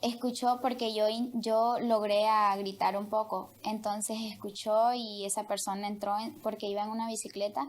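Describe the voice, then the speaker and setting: A woman's voice: medium pitch, flat delivery, normal speed, few pauses. A young woman from Honduras, a guest telling her life story in an interview, speaking hesitantly with many fillers. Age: young adult. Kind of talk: testimony interview.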